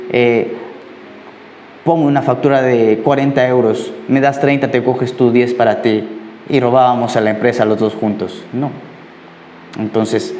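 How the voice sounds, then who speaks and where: A man's voice: medium pitch, darkish tone, slight background noise. A man preaching a conversational sermon as a pastor, often checking in with the congregation. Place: church. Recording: echoey church hall, faint ambience.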